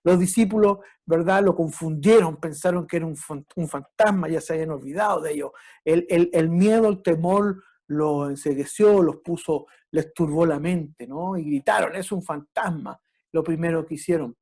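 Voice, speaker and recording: A reflective preacher delivering a sermon at a mid-range pitch, neither high nor low. The delivery is measured and halting, with restarts, and the preacher keeps checking in with the listeners through tag questions. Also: darkish tone, breathy edge.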